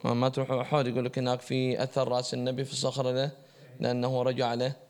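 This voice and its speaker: A man's voice: medium pitch, monotone, very fast, darkish tone, clear, resonant tone. A man giving a religious lesson, asking his class questions and answering them himself. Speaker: religious teacher.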